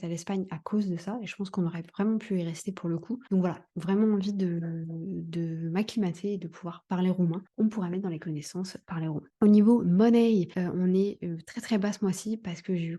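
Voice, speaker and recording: A young woman from France chats through her monthly review in a relaxed, loose way, full of fillers and slang. Her voice sits a bit low and sounds warm and mellow. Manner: chatty, filler-heavy, slangy. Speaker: vlogger. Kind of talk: casual monthly review vlog.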